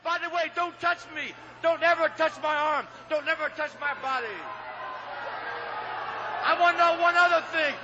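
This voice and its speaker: A man's voice: extremely high pitch, steady tone, moderate pace. A man giving a boastful, taunting wrestling promo built on rhetorical questions. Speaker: pro wrestler. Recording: dull lo-fi arena audio, crowd behind.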